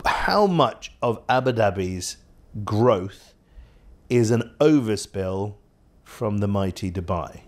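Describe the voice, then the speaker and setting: Low-voiced joking man co-hosting. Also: animated. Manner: quick, joking asides with frequent restarts. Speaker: podcast co-host on property markets. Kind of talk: casual chat.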